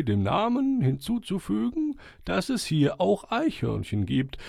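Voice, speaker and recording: A man voicing a wise, friendly old male owl who chairs a forest meeting, speaking slowly and stately with hooting calls. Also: on the high side, vocal fry, a little mellow, no room sound, studio quality, voice pushed up, exaggerated voice. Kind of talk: storybook character voice.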